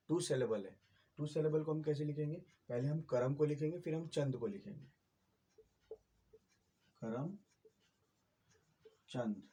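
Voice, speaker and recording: A man's voice: medium pitch, warm tone, slightly rough. A man, patiently explaining a writing lesson as a teacher, with many fillers and repeated checks.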